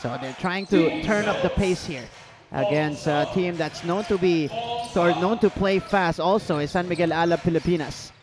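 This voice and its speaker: A man with a high voice calls a live basketball game play by play, firing off short, rapid calls as the action moves. On the big plays he breaks into a shout over the arena. The delivery is brisk and continuous. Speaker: play-by-play commentator. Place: indoor arena.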